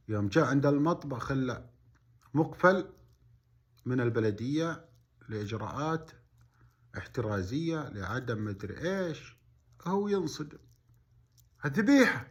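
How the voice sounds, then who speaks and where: A man with a Bedouin Gulf Arabic accent telling a story in colloquial, animated style, acting out dialogue with exclamatory asides and repeated phrases. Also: medium pitch.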